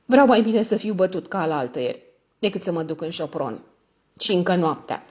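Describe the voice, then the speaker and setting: A woman's voice: lowish voice, lively intonation, darkish tone, natural voice. A woman reading an audiobook voices a frightened, stubborn young boy with raised, pleading lines. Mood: sullen. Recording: dull lo-fi audio.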